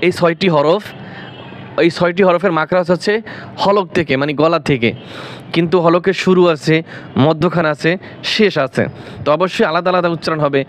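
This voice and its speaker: A man with a Bangladeshi Bengali accent teaching Quran recitation, spelling out letters syllable by syllable and drawing recited words out slowly, often asking and answering his own questions. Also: a little high, steady tone, slight background noise. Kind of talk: slow spelling-out Quran lesson.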